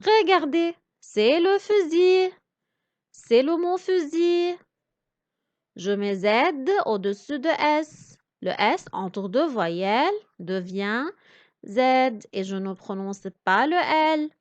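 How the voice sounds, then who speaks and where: A woman teaching a reading lesson, her high voice swinging up and down as she drags out each syllable. She over-articulates every sound so learners can follow. The recording is dry and dull, with a lo-fi edge. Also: expressive, no echo. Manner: slow, over-articulated, explaining pronunciation.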